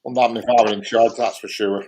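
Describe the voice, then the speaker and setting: This Lancashire-accented man talks bluntly about his views on a live stream, hammering points home and circling back to them repeatedly. He speaks briskly in a fairly low, slightly mellow voice with little pitch movement, over slight background noise.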